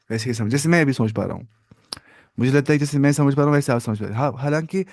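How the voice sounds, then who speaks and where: A man's voice: mid-range voice, darkish tone, no room sound. Male biology tutor, exam-prep lecture, asks and answers his own questions, dry close sound. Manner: explains in mixed Hindi-English, asking and answering his own questions; stops to advise students between points. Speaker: biology teacher.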